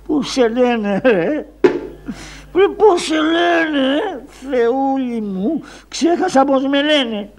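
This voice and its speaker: Karagiozis, squawky shadow-puppet rogue. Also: male voice, expressive. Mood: dazed, carefree. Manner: high squawky whining voice, stammering. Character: Karagiozis, scruffy cheeky poor Greek man, forgetful. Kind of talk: traditional shadow-puppet theatre voice.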